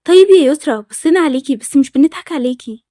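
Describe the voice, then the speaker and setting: A woman's voice: high voice, animated, fast, dark tone, dry recording, studio quality. A woman with an Egyptian accent voicing school friends who defensively plead that they were not laughing. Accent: Egyptian Arabic.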